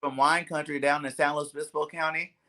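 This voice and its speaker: A man's voice: a little high, level tone, a little fast, sharp tone. A man from California hosting a casual sports podcast over a video call, laid-back and rambling with lots of "you know what I'm saying". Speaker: podcast host.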